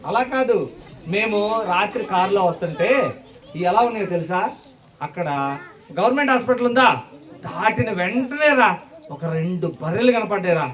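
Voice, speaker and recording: In an echoey church hall with a loud audience of children and a distant mic, a woman hosts a puppet show, her medium-pitched voice expressive at normal speed with long pauses. She keeps up playful, teasing banter, repeating phrases and calling to the crowd.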